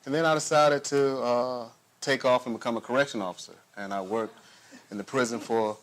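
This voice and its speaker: A man in his forties from the southern US, a poet giving relaxed, measured interview answers with frequent pauses. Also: medium pitch. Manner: easygoing, measured, with many "uh" pauses. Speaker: poet, guest.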